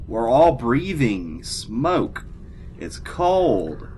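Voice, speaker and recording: A man's voice: medium pitch, sing-song, very slow, a little mellow, slight background noise. A man giving casual gameplay commentary, sarcastic and grumbling as he talks back to the characters. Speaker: gamer doing a playthrough.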